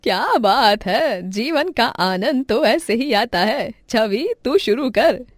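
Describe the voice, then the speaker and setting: A woman voicing a loving old grandmother in a cartoon, speaking slowly and affectionately. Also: on the high side, animated, no room sound, studio quality. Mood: cheerful. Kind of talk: cartoon voice acting.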